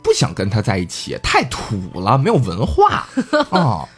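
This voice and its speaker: A man voicing a stubborn, lovesick young woman who complains petulantly, raising his pitch a little. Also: huge pitch swings, a little slow, breathy edge, heavily acted.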